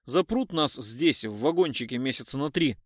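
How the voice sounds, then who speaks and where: A man voicing an excitable, blunt male police partner who talks loud and slangy. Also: medium pitch, moderate pace, no room sound, studio quality, lightly acted. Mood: worried.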